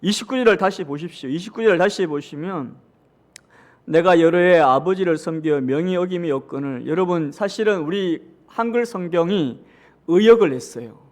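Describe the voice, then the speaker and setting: A male pastor with a Gyeongsang Korean accent delivers a sermon in a high voice at a moderate pace. He addresses the congregation directly, reads scripture aloud together with them, and alternates between loud, emphatic lines and quiet asides.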